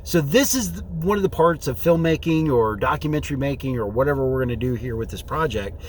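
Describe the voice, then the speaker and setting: Animated and a little fast, this medium-pitched vlogger chats casually from inside a car, filming on his phone. He rambles and thinks aloud in an informal way, with slight background noise and a faint hum of the vehicle behind him.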